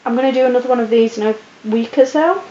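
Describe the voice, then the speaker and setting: A little high and dark in tone, her croaky voice races along as this young vlogger, plainly short on sleep, answers viewer questions in a mock-posh British accent. The chat is casual and rambling, full of ums and restarts. An echoey room and dull lo-fi recording add a faint hiss.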